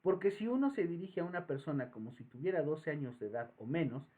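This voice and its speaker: A man with a Mexican accent giving a psychology lecture as the professor, animated and acting out voices in his examples. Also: fairly high pitch, quick pace. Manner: animated, acts out voices in anecdotes. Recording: tinny phone-like audio.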